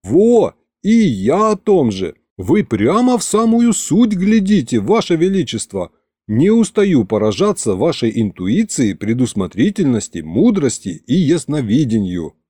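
A man doing a cheeky flattering young courtier. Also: fairly high pitch, a little slow, breathy edge, no echo, studio quality, exaggerated voice. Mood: eager flattering. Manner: eager, flattering and excitable.

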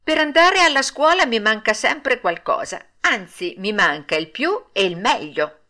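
A lively wooden puppet boy chatters in a high, eager voice, put on by a woman reading a storybook aloud. His lines leap up and down with excitement. The reading stays clear and close. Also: a little slow, heavily acted.

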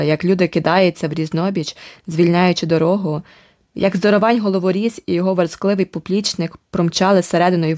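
A woman narrating an adventure audiobook in a steady, vivid storytelling manner. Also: on the low side, no echo, clean studio sound. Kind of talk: scripted narration.

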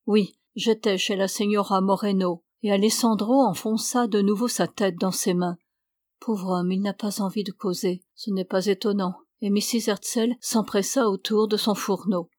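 A woman narrating a novel as an audiobook in a steady, measured reading. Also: medium pitch, dry recording, studio quality.

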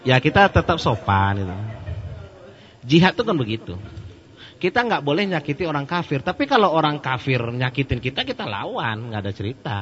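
Joking preacher, muffled recording. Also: male voice, a little high, brisk, big-room sound. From Sumatra. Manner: joking and animated, laughs at his own jokes. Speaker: Islamic preacher. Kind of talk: casual question-and-answer sermon. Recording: muffled lo-fi recording with faint hum.

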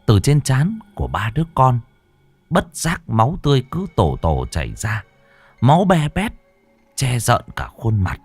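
A man's voice: medium pitch, huge pitch swings, a little slow, breathy edge, no echo, faint music behind. A man narrating a ghost story dramatically, switching into many character voices.

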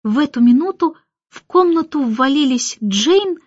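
A woman narrating an audiobook in an expressive storytelling manner. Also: high-pitched, measured pace, dry recording. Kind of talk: scripted narration. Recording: dry, slightly dull recording.

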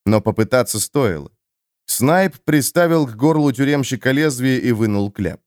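A male narrator reads a gritty fantasy novel with dramatic, expressive phrasing at a mid pitch. The sound is close and dry, with no room echo. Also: moderate pace. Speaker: audiobook narrator. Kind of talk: scripted narration.

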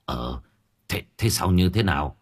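A man's voice: low-pitched, lively intonation, unhurried, breathy edge, pitched below the performer's own voice, full character voice. A man voicing an older village healer asking urgently what happened. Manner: urgent questioning.

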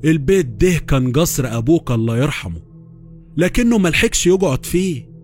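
A man's voice: a little high, animated, fairly quick, a little mellow, soft background music, close to an everyday voice. A man voicing a weak, tremulous grandfather in his seventies with an Upper Egyptian accent, pleading and full of remorse in an audio horror story. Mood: grieving. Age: 70s. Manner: emotional, pleading. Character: frail old grandfather, tearful and remorseful.

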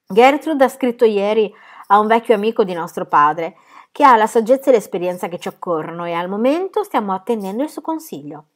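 A woman reading an audiobook, voicing a calm, poised young woman who speaks politely and in measure. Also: mid-range voice, fairly quick, pitched above the performer's own voice, natural voice.

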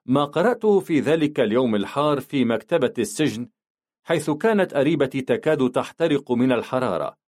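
A man narrating a novel for an audiobook in a mid-pitched voice. His delivery is steady and measured. He shifts his tone slightly when quoting other characters.

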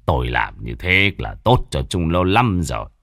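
A man voicing a stern, hot-tempered wealthy old village patriarch who scolds and shouts orders. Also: a bass voice, very animated, moderate pace, no room sound, clean studio sound, voice pushed down, exaggerated voice.

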